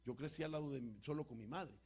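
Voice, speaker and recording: A man preaching and answering a question with a personal testimony, an emotional storyteller whose voice swings from loud to hushed. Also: mid-range voice, fast talker, slightly rough. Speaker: apostle answering congregation questions.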